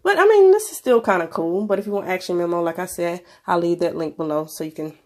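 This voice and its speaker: A woman's voice: on the low side, expressive, fast talker, a little mellow. A woman with a stuffy nose from a cold, presenting a casual tech review in an informal, conversational way. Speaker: video presenter.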